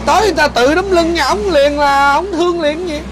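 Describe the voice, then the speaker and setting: A woman's voice: sits high, fast, background noise. A woman interviewer with a Southern Vietnamese accent, asking questions in a teasing, playful way. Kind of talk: casual interview.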